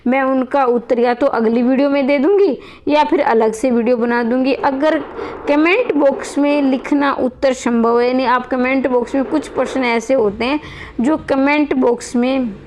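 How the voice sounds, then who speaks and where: A woman's voice: high-pitched, moderate pace, darkish tone, slight background noise. A woman teaching grammar to students in a classroom-style lesson, calling them children, repeating points and asking rhetorical questions.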